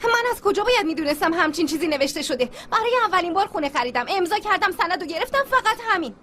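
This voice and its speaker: A woman's voice: extremely high pitch, lively intonation, a bit bright, slight background noise. A woman dubbing a film role as a sarcastic, accusing house buyer. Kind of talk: dubbed film dialogue.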